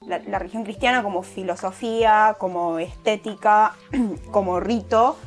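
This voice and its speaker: A young woman with an Argentine accent, speaking as a guest poet in a relaxed conversation and pausing often to find her words. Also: medium pitch, faint music behind. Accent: Argentine Spanish. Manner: thoughtful, hesitant, many fillers. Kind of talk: casual conversation.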